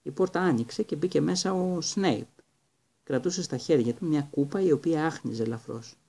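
Gravelly, husky male audiobook narrator. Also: on the high side, lively intonation, dark tone. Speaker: audiobook reader.

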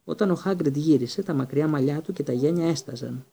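A man's voice: a little high, creaky, mellow, breathy edge. A man narrating an audiobook steadily, with occasional stumbles.

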